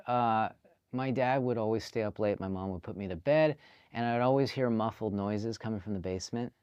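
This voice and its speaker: Man from Canada, low voice, smooth and clear, dry close sound, casual storytelling. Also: no room sound, lo-fi sound. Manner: relaxed storytelling, chatty with fillers. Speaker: guest filmmaker. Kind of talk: casual interview.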